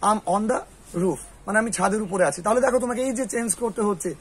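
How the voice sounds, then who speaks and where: A man with a Bengali accent teaching spoken English, quizzing a student patiently and repeating phrases slowly. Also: high voice, slightly rough. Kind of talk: classroom lesson.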